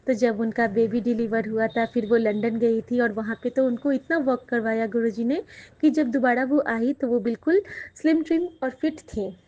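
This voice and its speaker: A woman's voice: fairly high pitch, steady tone, normal speed, mellow. A woman sharing devotional experiences with her listeners in a chatty way, with thankful asides and frequent laughter. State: out of breath. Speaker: satsang storyteller. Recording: dull lo-fi recording.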